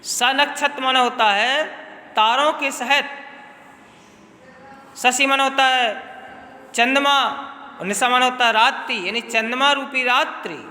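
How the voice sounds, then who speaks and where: A male teacher giving a recorded lesson on a poem, explaining it in a measured way and glossing the meaning of words one at a time. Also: extremely high pitch, fairly even intonation, sharp tone. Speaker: Hindi teacher. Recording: echoey room with long reverb.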